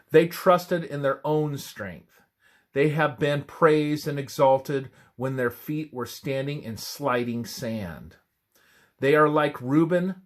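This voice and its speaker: At medium pitch, a man reads a scripted religious text as devotional narration, measured and emphatic in the manner of scripture reading.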